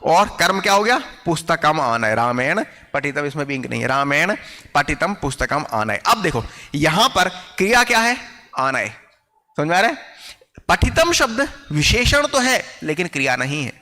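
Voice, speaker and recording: A male teacher giving an online grammar lecture, explaining patiently, often checking whether students follow and slowing down to dictate example sentences. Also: high voice, big pitch swings, sharp tone, big-room sound.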